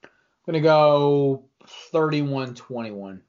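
A young man on a sports podcast rambles through his takes, restarting sentences and getting worked up. His voice sits a bit high for a man. The recording sounds dull and lo-fi. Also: slow. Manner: rambling, restarts often, animated opinions. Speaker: podcast co-host. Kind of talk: casual sports chat.

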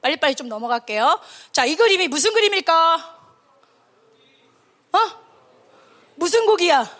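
A woman from Korea preaching to a youth camp in a notably high voice. She drives each point home with rhetorical questions and playful acted-out quotes. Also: sing-song, normal speed, a bit bright. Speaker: evangelist preaching to a children's camp. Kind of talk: sermon.

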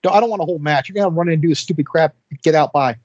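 Jokey podcast dude, talks fast, bit husky, sounds muffled and dull. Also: male voice, a little high, no room sound. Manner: quick joking interjections. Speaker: podcast co-host. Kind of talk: casual chat. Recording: dull muffled dry mic.

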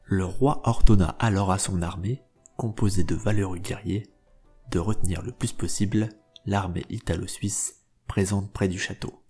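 A man narrating an improvised story as a guest, in a husky, fairly low voice. His telling is steady and even. Quiet music sits underneath. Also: moderate pace.

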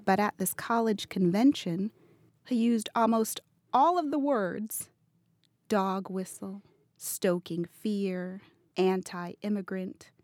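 A young woman reporter giving a quick, fluent account of her field reporting in a casual chat. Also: mid-range voice, darkish tone, no echo. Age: young adult. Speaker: news reporter.

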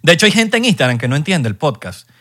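A young Venezuelan man co-hosting a podcast in casual, joking chat, loud and animated, sometimes breaking into shouts. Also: fairly high pitch, quick pace. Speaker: podcast co-host.

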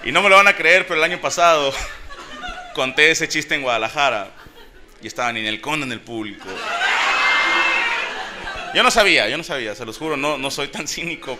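Mexican male stand-up comic in his thirties, pitched a bit high, crude and animated; noisy live recording. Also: brisk, pauses often, a loud crowd. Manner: crude, slangy and animated, acting out voices mid-story. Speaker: stand-up comedian. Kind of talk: stand-up comedy monologue. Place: comedy venue with an audience. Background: audience laughter.

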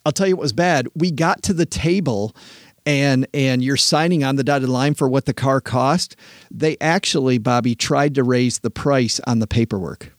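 A man co-hosts a personal finance chat, telling stories in a chatty, quick way that restarts and doubles back. His voice sits at an ordinary pitch and comes through dry and close to the mic. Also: no room sound. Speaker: podcast co-host. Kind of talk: casual chat.

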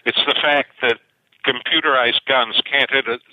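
Interviewed over the phone, the older sci-fi author recounts stories with animation and frequent restarts. His voice is mid-range with fairly even intonation at a normal speed, carried on a tinny, dry line with no room sound.

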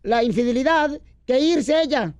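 A man's voice: very high-pitched, lively intonation, normal speed, background noise. A man hosting a comedy radio show, joking playfully and putting on voices in his stories.

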